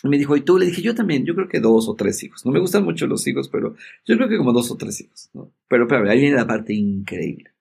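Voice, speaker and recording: A middle-aged man, a podcast guest telling a story in a lively way and acting out the voices in it. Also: medium pitch, fast talker, creaky, husky. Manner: animated storyteller, acts out quoted dialogue. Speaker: podcast guest, entrepreneur and speaker. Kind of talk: casual storytelling chat.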